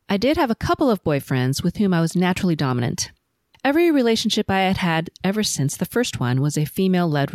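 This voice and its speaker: A middle-aged woman from Los Angeles hosting a solo podcast, telling her life story in a measured, composed, prepared way. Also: on the low side, darkish tone, no room sound, studio quality. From Los Angeles, USA. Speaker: podcast host. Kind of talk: autobiographical solo podcast narration.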